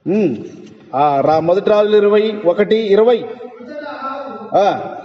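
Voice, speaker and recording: A man's voice: sits high, slow. A man preaching a sermon as pastor, emphatic and quizzing his congregation with questions. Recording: echoey hall, muffled lo-fi sound.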